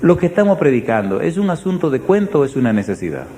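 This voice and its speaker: A male pastor preaching a sermon. He tells stories and asks the congregation direct questions, swinging from loud emphasis to hushed lows. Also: big pitch swings, fast. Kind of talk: sermon with storytelling.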